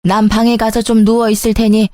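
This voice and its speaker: A woman's voice: a little high, flat delivery, brisk, warm tone, dry recording, clean studio sound, natural voice. A woman voicing a vain, bad-tempered older mother-in-law who scolds and makes demands, in an acted story. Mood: bossy. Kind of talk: storytelling voice acting.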